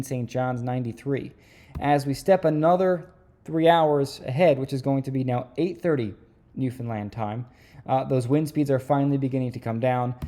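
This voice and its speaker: Male weather vlogger: dark, relaxed tone, mid-range pitch, conversational forecast explainer with halting phrasing.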